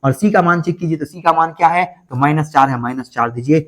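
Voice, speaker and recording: A man's voice: fairly high pitch, quick pace. A male math teacher explains a problem step by step. He keeps asking the class questions and answering them himself, repeating the key points. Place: online class, voice over board writing.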